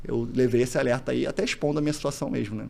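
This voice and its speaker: A Brazilian man talks quickly in a gravelly voice, chatting casually as an interview guest. He tells his stories with energy and slips into the voices of the people in them. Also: mid-range voice. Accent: Brazilian Portuguese. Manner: animated storyteller, acts out dialogue. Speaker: podcast guest, single father.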